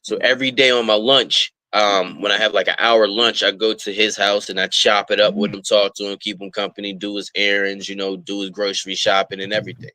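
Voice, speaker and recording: Bright-voiced rapper telling stories. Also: male voice, fairly low pitch, flat delivery, fairly quick, few pauses, no room sound, poor audio. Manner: rambling storyteller with many fillers. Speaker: rapper and guest. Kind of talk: casual interview chat.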